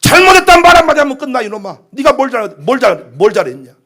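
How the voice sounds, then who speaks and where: A male preacher voicing a blunt, gruff mother who scolds her son. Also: a little high, expressive, moderate pace, pitched below the performer's own voice. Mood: scolding.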